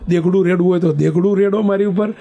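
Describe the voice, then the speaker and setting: A man's voice: sits high, fairly even intonation, fast, creaky, mellow. A man voicing a repentant, wayward young man who pleads humbly and rambles as he tells his story. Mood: pleading. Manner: pleading, rambling, self-mocking.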